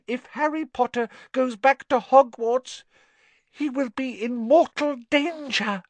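A performer voicing a small male house-elf, servile and anxious, with a squeaky, fretful, reverent way of speaking for a storybook. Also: slow pace, no echo. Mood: tearful, pleading. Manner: reverent third-person speech, fretful.

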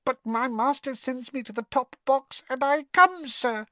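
A man voicing a tiny, timid female house elf from a storybook, with a quivering squeak and meek, servile broken grammar. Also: unhurried, pushed and bright, dry recording, full character voice. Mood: anxious, dutiful.

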